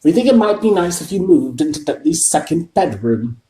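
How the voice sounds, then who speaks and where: A woman voicing a blustering, bad-tempered middle-aged uncle in a storybook reading, gruff and barking. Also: lowish voice, big pitch swings, takes it slowly, darkish tone, pitched above the performer's own voice. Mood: forced friendly. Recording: echoey room.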